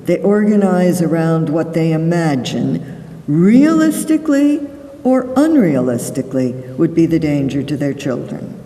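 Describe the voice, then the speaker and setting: A woman psychologist giving a conference lecture, explaining deliberately and stressing key words. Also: low-pitched, warm tone. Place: large conference hall. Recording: echoey hall, voice from far off the mic.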